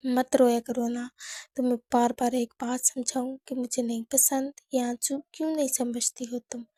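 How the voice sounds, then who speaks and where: A possessive, hot-tempered young lover, voiced by a woman narrator lurches between tender pleading and cold threats. Her voice stays mellow and fairly even, recorded dry and close. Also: a little high, normal speed, dry recording, close to an everyday voice. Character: possessive, volatile young man in love. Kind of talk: audiobook character reading.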